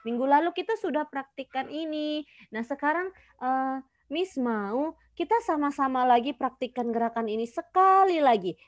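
A woman teaching young children physical education on a video call like a gym coach, encouraging them with short commands and counts. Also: on the high side. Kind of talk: live online gym class with counted exercise cues.

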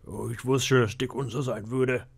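A man voicing a grumbling, impatient pirate boatswain with a gruff, muttering manner. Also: medium pitch, steady tone, moderate pace. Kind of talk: audiobook character voice.

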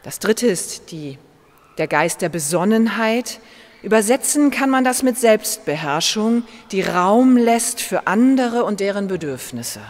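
A woman pastor with a German accent, preaching a sermon in a slow, measured way with gentle emphasis. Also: medium pitch, expressive. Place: church. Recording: long church reverb.

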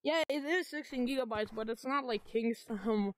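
A woman's voice: fairly high pitch, normal speed. A woman livestreaming and chatting casually, bragging and swearing while teasing a friend. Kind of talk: casual gaming stream chat.

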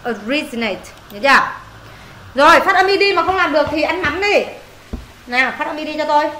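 Brisk and sharp, with lively intonation, a high-voiced woman runs a casual one-on-one English homework session. She fires questions at the boy and scolds and teases him when he slips up, while a little hiss or hum sits over the echoey room and its faint ambience.

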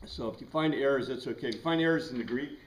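A middle-aged American class teacher talks fast in a mid-range voice, rambling conversationally through an informal lecture and asking the class questions. A far camera across the small classroom, with its whiteboard and bookshelves, picks him up in an echoey room with background noise.

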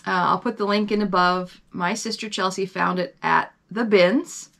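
A woman's voice: medium pitch, steady tone, normal speed, vocal fry, fairly bright tone. A woman hosting her own reselling vlog, chatting casually and rambling with fillers and self-corrections. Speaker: online reseller and channel host.

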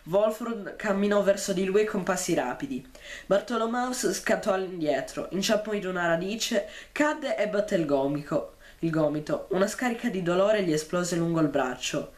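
A man reading a novel chapter aloud and then discussing it, with frequent "eh" fillers and throat-clearing. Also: high voice, expressive, moderate pace. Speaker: book reader and commentator.

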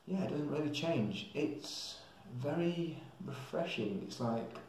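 Speaking slowly with lively intonation, this young adult from England muses hesitantly to camera as a travel vlogger. His voice sits on the high side and is a little mellow. He's indoors in a small tiled room that echoes heavily, with slight background noise.

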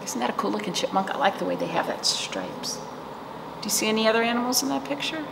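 Slightly fast and on the high side, this woman's voice has lively intonation and vocal fry. She's a middle-aged children's librarian seated in a small indoor library room, hosting a virtual storytime of rhymes and read-alouds for young children, with simple explanations and check-in questions. The audio carries echo and background noise.

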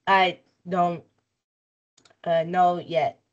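A woman's voice: fairly low pitch, level tone. A woman student answering hesitantly in class, heard over dull lo-fi sound. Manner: hesitant, very slow. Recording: dull lo-fi sound with faint noise.

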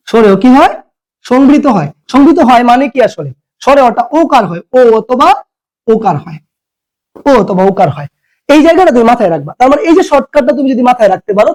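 A man's voice: extremely high pitch, very animated, fast, a little mellow, rough recording. A man teaching an exam-prep lecture, coaxing students and repeating rules.

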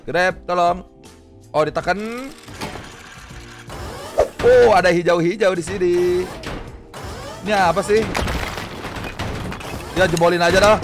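A young man does casual gameplay commentary. He is playful and slangy, with exclamations and repeated words, and game music plays clearly behind him. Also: sits high, takes it slowly, pauses often. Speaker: gamer, video host.

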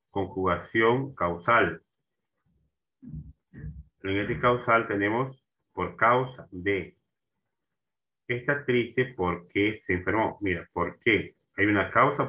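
A man teaching a grammar lesson with a slightly low voice and a bright, forceful edge. He talks very slowly, repeats words and restarts them, and keeps checking in with his students. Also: rough recording. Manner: slow and repetitive, restarting words and asking for agreement.

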